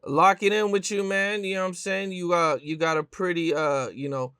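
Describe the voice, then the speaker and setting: A man's voice: sits high, steady tone, normal speed, pushed and bright, smooth, dry recording, clean studio sound. A man hosting a casual interview, asking easygoing questions with lots of "you know" fillers. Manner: easygoing, many fillers like "you know what I'm saying". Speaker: interview host.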